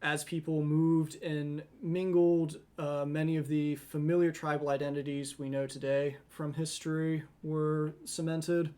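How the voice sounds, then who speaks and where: A man co-hosting a podcast, explaining history in a steady, conversational lecturing way with occasional restarts. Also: a little high, unhurried, hardly any pauses, clean tone. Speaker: podcast co-host.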